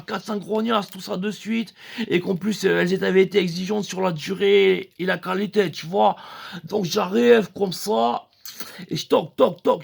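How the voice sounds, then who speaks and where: High, gravelly comic storyteller. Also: male voice. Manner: slangy, rambling, crude street talk. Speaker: comedian.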